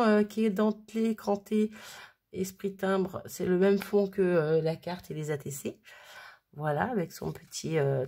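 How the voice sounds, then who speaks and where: A woman with a husky, slightly breathy voice talks casually as a crafting vlogger. She gushes about what she shows and often trips over her words. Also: mid-range voice, darkish tone. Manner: gushing, stumbling over words. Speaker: crafting vlogger showing mail she received. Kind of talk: casual chat.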